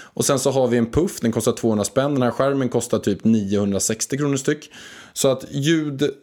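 A man co-hosting a casual podcast, joking and rambling as he thinks out loud. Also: medium pitch. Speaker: podcast co-host. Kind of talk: casual chat.

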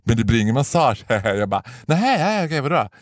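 A man co-hosting a casual comedic podcast chat, telling stories with big swings between hushed asides and mock-dramatic outbursts, mixing languages freely. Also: medium pitch, no echo, clean studio sound. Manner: animated storyteller, mixes Swedish and English, bursts into mock-exorcist shouting. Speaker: podcast co-host.

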